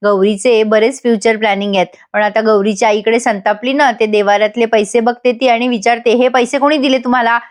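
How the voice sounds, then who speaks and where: A woman's voice: on the high side, little pitch movement, brisk, few pauses. Woman narrating a serial recap. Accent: Marathi. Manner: retells scenes, voicing characters' quoted lines. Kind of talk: voice-over episode recap, acting out lines.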